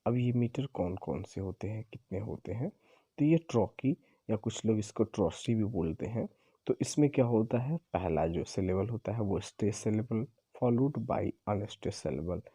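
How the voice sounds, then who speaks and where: A man teaching an exam-prep lesson, explaining slowly and repeating himself as he corrects his own slips. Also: lowish voice, dark tone, breathy edge, no echo, studio quality. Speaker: English teacher.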